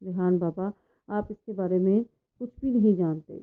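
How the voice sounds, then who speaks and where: A woman's voice: medium pitch, natural voice. A woman voicing a worried old family servant. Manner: worried, respectful. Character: loyal older male household servant. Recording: tinny phone-like sound.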